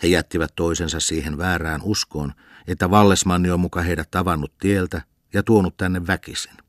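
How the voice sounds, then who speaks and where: A man reading a novel aloud as an audiobook narrator, in an even storytelling manner. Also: deep voice, no room sound, clean studio sound. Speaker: audiobook reader.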